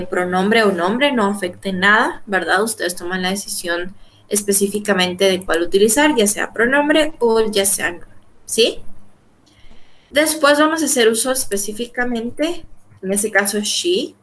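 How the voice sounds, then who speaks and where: A woman's voice: mid-range voice, a bit bright. A woman teaching an English grammar class in Spanish, explaining step by step and often checking in with her students. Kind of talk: online class lecture.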